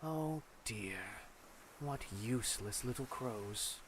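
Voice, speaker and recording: An actor playing a sly, composed cleric investigator in a video game, with a measured, wry, theatrical delivery. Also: male voice, medium pitch, slight background noise, natural voice. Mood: smug, teasing. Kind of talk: scripted video game voice acting.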